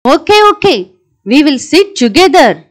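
A woman doing a high, sing-song schoolchild. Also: big pitch swings, normal speed. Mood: cheerful. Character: cheerful schoolchild Kavi, friendly. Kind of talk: school puppet show voice acting.

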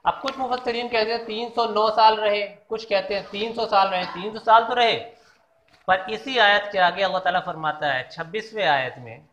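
Speaking at a moderate pace in a high, fairly bright voice, a preacher informally walks through a Quran story. He keeps returning to its main lessons and asking rhetorical questions, and the room sound is echoey, muffled, and lo-fi.

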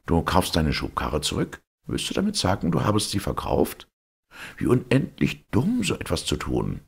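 A man's voice: low voice, huge pitch swings, normal speed, gravelly, slightly rough, exaggerated voice. A man voicing a pompous, self-righteous miller who lectures in a preachy, self-satisfied way, in a storybook reading. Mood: scornful.

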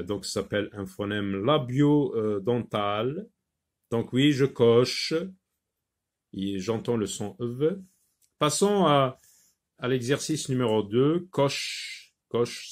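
A man teaching French phonics, repeating each word slowly with many hesitations. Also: lowish voice. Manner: slow, repeats words, many filler hesitations. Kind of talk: slow phonics lesson.

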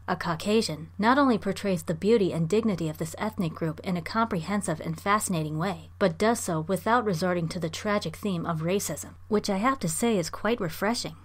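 A woman talks through a novel and reads passages from it aloud, measured and clear. Her voice sits a little low for a woman. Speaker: book reviewer and reader. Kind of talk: book review with read-aloud passages.

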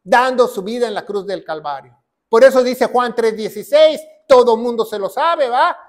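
A man preaching a sermon as a pastor. He asks questions, answers them himself, repeats key phrases and rises to shouts. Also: very high voice, animated, moderate pace.

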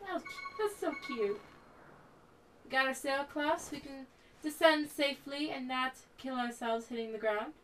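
A woman's voice: high voice, a little slow, far from the mic, a little hiss or hum, poor audio. A young woman hosting a let's play, chatting through her gameplay in a bubbly, giggly way over game music. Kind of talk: casual gameplay commentary. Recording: game music loud behind voice.

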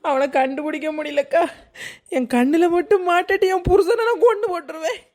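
A deserted young wife in a cartoon, voiced by a woman, sobs and snaps. Her voice sits high and strained with tears. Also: a little fast, darkish tone. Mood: tearful angry. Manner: sobbing, snappish. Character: tearful deserted young wife, sharp-tongued.

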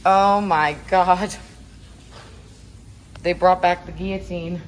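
A young woman with a low, chatty voice narrates her walk through a derelict hospital. She laughs easily between remarks, and her handheld camera adds a faint background hiss. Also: fairly even intonation, slow. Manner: chatty and giggly, laughs often. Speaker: urban explorer vlogger. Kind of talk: casual vlog narration. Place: abandoned hospital building.

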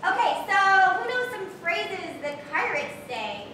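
A woman's voice: extremely high pitch, sing-song, a little slow, pushed and bright, exaggerated voice. Woman voicing a chirpy toucan puppet. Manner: chirpy, bubbly, eager. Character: cheery toucan puppet in pirate garb. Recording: echoey room, distant mic, hum.

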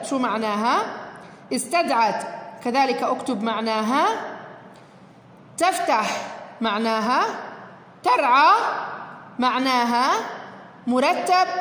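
A woman's voice: a little high, fairly bright tone. A woman teacher, explaining a worksheet step by step and encouraging her fourth-grade pupils. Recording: echoey room with long reverb, faint noise.

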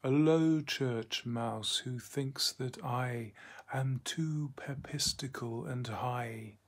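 A man recites poetry in a breathy, husky voice of middling pitch, frequently sinking to a near whisper. His hushed delivery is very slow and deliberate, with long pauses between lines.

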